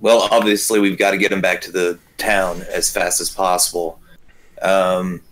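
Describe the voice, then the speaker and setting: A man's voice: low voice, flat delivery, moderate pace, fairly bright tone, a little hiss or hum, low-quality recording. A man talking casually as a player at a tabletop roleplaying game.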